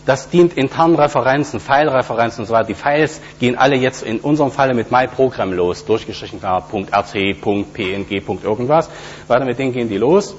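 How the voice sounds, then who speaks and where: Speaking quickly in a mid-range voice, a conference presenter explains a live technical demo one step at a time, often hesitating and using fillers. A faint hum runs under the dull, lo-fi audio.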